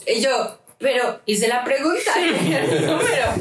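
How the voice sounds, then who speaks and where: A woman chats on a podcast with a fairly high voice, telling stories and jumping into sudden pitch leaps whenever she quotes someone. She sounds set back from the mic in an echoey room. A faint noise sits underneath. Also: lively intonation, moderate pace, recorded from a distance. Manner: acts out quoted voices with big pitch jumps, laughs often. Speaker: podcast co-host. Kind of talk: casual chat, animated storytelling.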